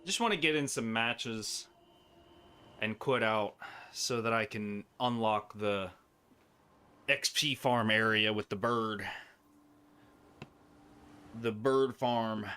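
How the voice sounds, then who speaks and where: Slow-talking bright-voiced male gamer. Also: lowish voice, smooth. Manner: rambling, joking, talks to himself while playing. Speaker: gameplay streamer. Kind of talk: casual gameplay commentary.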